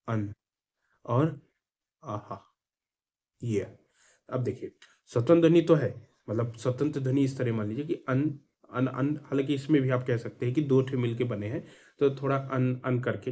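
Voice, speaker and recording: A man's voice: mid-range voice, warm tone, breathy edge. Man teaching, repeating points emphatically. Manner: repetitive, emphatic, asks and answers own questions. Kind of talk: exam-prep grammar lesson.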